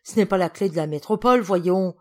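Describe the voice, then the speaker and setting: A woman voicing a haughty alien lady official who speaks in a shrill, commanding way, for an audiobook. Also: a little fast, lightly acted. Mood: bossy.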